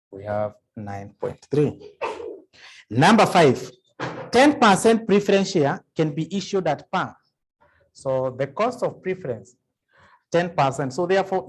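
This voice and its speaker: An accounting tutor with a fairly high, breathy voice gives a revision lecture. He works through sums aloud and puts questions to the class.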